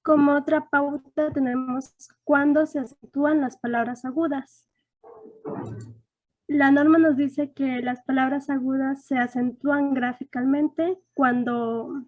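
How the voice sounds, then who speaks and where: A woman's voice: sits high, no echo, lo-fi sound. A young woman student presenting a lesson topic to her class, reading prepared points with some hesitation.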